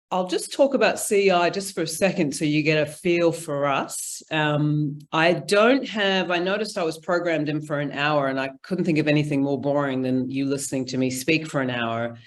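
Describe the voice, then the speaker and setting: A conference speaker talks through a presentation over a video call. The delivery is informal and conversational, full of ums and small restarts, at an ordinary middle pitch. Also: unhurried. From New Zealand. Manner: chatty, informal, frequent ums. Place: indoor room, remote.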